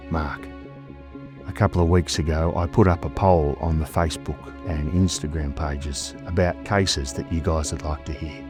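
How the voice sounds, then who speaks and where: Speaking with an extremely low pitch, an Australian man hosts a podcast and narrates a scripted mystery story. His delivery is measured and dramatic.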